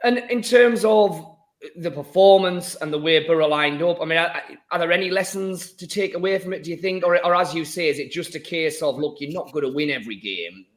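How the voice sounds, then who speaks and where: Croaky male podcast host, slightly high-pitched. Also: brisk. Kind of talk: casual sports chat, presenting.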